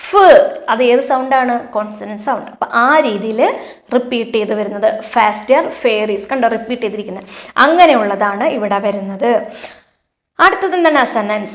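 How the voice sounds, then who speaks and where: A woman teacher explaining a class lesson, reading lines aloud slowly and then explaining them quickly. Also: a little high. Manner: switches between slow read-aloud and quick explanation.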